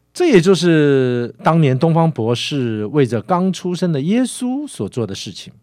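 A man preaching a sermon in a lively storytelling way, sprinkling in soft filler sounds. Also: medium pitch, dry recording, studio quality.

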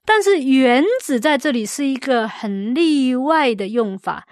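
A woman teaching a Bible word study, explaining slowly and carefully, repeating key words and adding gentle fillers as she goes. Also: high voice, animated, no room sound, studio quality. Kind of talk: scripted word-study lesson.

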